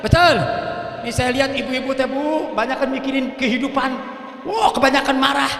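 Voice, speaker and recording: A male preacher, giving a lively sermon that bursts into shouts and teases the women listening with questions. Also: very high voice, fairly quick, vocal fry. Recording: echoey hall.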